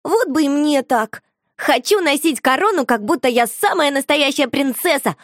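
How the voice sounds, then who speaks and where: A woman's voice: high voice, animated, moderate pace, no echo, studio quality, pitched above the performer's own voice. A woman voicing a wild, blunt little cavegirl who exclaims shrilly and pushes her questions. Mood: excited.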